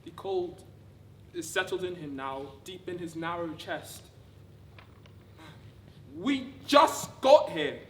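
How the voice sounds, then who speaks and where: A woman giving a rehearsed dramatic reading of wartime letters, measured, with deliberate pauses. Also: fairly low pitch, very animated, darkish tone. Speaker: actor reading a monologue. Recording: distant, echoey room with background noise.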